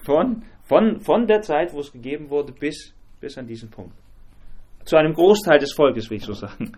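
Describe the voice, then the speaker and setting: A man teaching a Bible study group, talking in a halting way with many fillers and restarts and asking the group questions. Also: on the high side, expressive, a little mellow.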